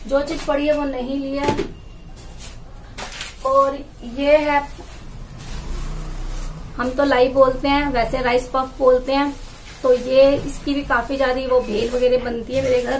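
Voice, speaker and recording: The recording is low quality with a little hiss or hum. Speaking in a high voice, a housewife in her thirties chats for her home vlog, showing groceries and explaining as she handles jars and bags inside a small tiled room with a wooden door.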